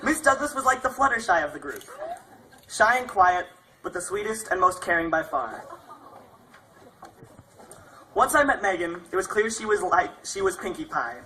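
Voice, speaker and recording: Young adult student speaker, bright mid-pitched voice, prepared commencement address, faint noise behind. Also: very animated, a little fast, rough recording. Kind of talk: prepared graduation speech.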